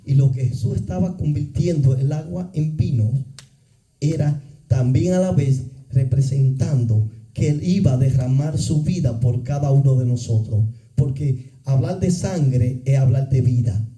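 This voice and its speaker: A man preaching a sermon in a church, swinging his pitch widely and crying out quoted pleas. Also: measured pace, mellow, roomy sound, recorded from a distance, poor audio. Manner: sweeping pitch swings, dramatic quoted cries. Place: church sanctuary.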